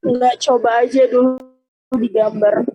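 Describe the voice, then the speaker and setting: A woman's voice: on the high side, level tone, a little slow, dark tone, no room sound, highs cut off. Woman on a choppy, breaking-up call. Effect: choppy, breaking-up online call audio. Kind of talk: casual video call discussion.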